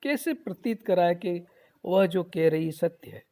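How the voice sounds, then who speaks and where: Male professor, slightly high, gravelly voice with a mellow tone; recites verse and then paraphrases it for students. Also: animated, measured pace. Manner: repetitive, explanatory, asks rhetorical questions. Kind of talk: lecture explaining a poem.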